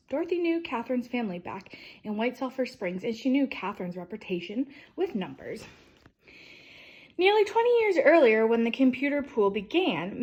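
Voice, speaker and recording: Her voice a little high, a woman acting as storyteller reads a children's picture-book biography aloud. Sentences start emphatically and end with a soft fall, the phrasing deliberate throughout.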